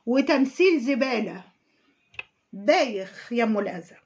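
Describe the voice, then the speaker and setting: Sarcastic Egyptian woman, high voice. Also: animated, moderate pace. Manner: mocking, scolding, indignant. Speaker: YouTube commentator. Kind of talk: sarcastic reaction commentary.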